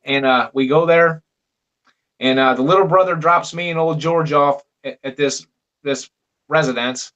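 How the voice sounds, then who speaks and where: Higher-voiced man telling a rambling story. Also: moderate pace, fairly bright tone, lo-fi sound. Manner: rambling, many restarts and fillers, laughs mid-story. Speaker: guest storyteller. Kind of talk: casual storytelling.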